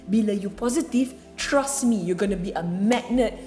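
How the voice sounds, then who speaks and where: A woman from Kelantan, Malaysia, chatting casually in a storytelling vlog, soft-spoken and slipping English phrases into her talk. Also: mid-range voice, a little slow. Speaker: vlogger. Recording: roomy echo with faint music. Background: faint background music.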